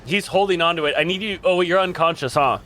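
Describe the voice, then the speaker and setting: A man narrating as dungeon master, with a halting manner full of fillers. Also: fairly high pitch, fairly bright tone, faint music behind. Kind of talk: narrating a tabletop game.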